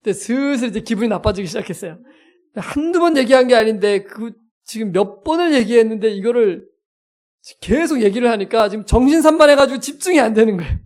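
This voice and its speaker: A man with a fairly high voice preaches a sermon in a storytelling way. He acts out each scene with energy and pokes fun at himself. He sounds like a pastor talking straight to his congregation. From South Korea. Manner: lively, self-mocking storyteller who acts out scenes.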